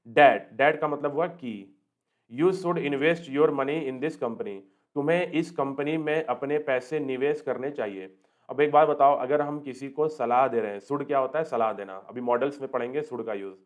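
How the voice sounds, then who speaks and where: Male grammar tutor, mid-pitched voice, slow deliberate example readings, quizzing style. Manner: explains slowly in Hindi, reads English example sentences aloud word by word; asks students rhetorical check questions. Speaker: English grammar teacher. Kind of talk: exam-prep grammar lesson.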